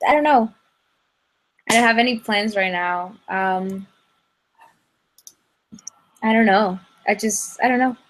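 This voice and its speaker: A young woman from Ecuador talks in a casual interview. Her English comes in halting bursts, full of restarts and fillers. Her voice comes through a video call. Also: mid-range voice, a bit bright, slight background noise. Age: young adult. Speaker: guest singer.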